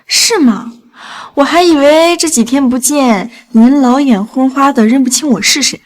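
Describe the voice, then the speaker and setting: A commanding young heiress, cold and scornful, as an actress plays her. Her voice sits fairly high in this drama series. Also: normal speed, natural voice.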